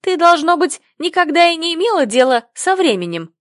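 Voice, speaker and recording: A woman's voice: very high voice, big pitch swings, a little fast, no echo, studio quality, voice pushed up. A woman reading the lines of a cheeky know-it-all boy in a storybook, teasing and mocking.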